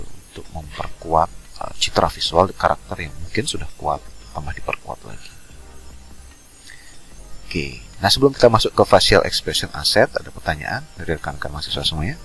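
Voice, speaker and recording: A man giving an online university lecture over a video call, explaining step by step with hesitant filler pauses. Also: low voice, slightly rough, low-quality recording. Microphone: video call microphone.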